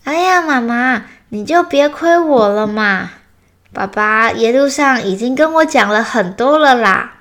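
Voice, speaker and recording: A woman voicing a mischievous little boy bear cub in a children's story, in a whiny, childlike way. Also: unhurried. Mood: sheepish. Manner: whiny, high childlike pleading.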